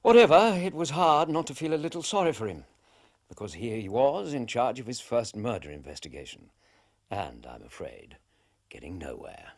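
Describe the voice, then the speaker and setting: An actor playing a loyal doctor companion in a radio drama, wry and understated. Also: male voice, medium pitch, sing-song, normal speed. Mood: reflective. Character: dry, loyal male doctor companion, middle-aged. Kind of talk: radio drama acting and narration.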